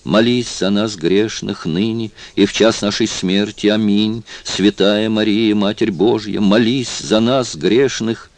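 A man's voice: on the low side, a little slow, few pauses, no echo, pitched above the performer's own voice. A man reading a frightened young woman who mumbles a prayer under her breath. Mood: murmuring.

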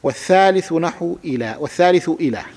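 A man's voice: fairly high pitch, expressive, quick pace, darkish tone, breathy edge. A man teaching a classical grammar lesson, patiently explaining step by step and having his student repeat words. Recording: reverberant room with long echo.

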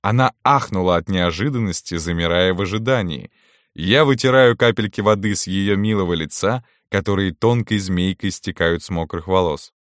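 A man reading a first-person romance story aloud in a calm, intimate storytelling manner. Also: low-pitched, normal speed, no echo, studio quality. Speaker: audiobook narrator.

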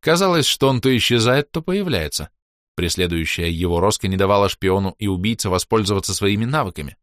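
A man's voice: lowish voice, lively intonation, brisk, a bit bright, dry recording, studio quality. A man narrating a fantasy audiobook expressively, acting out the dialogue.

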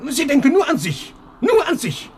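An actor playing an aging inkwell collector in a radio play, who broods quietly and then flares up into shouting. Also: male voice, very high voice, wildly swooping pitch, normal speed, a little hiss or hum, exaggerated voice. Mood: agitated. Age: older.

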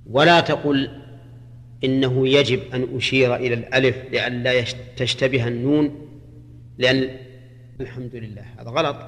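A man from Arabia, a religious scholar teaching a class on Quranic grammar in measured explanations, often checking his listeners with a quick question. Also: mid-range voice, steady tone, a bit bright. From Saudi Arabia. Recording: reverberant hall recording.

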